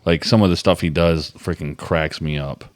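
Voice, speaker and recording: A man's voice: rumbling low, steady tone, moderate pace, no echo. A man chatting casually on a podcast, laid-back and saying "dude" often. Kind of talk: casual chat.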